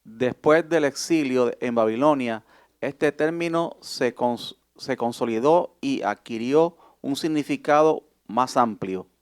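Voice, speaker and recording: A man reading a passage aloud in church, steady and careful. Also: medium pitch, slow pace, clean tone, no echo, clean studio sound.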